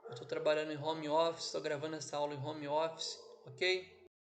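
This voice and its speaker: A man's voice: on the high side, flat delivery. A man teaching an online course from his home office, with a didactic delivery that keeps checking in with "ok?" and "né?". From Brazil. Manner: didactic, drawn-out phrasing with frequent "ok?" and "né?". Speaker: instructor. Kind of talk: online lecture. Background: background noise.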